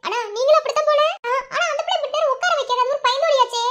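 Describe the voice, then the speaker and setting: Squeaky nervous village girl voiced by a woman in a cartoon, madurai accent, rattles on super fast. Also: fairly bright tone. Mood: worried. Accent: Madurai Tamil. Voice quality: very high, squeaky voice. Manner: fast, fretful muttering to herself.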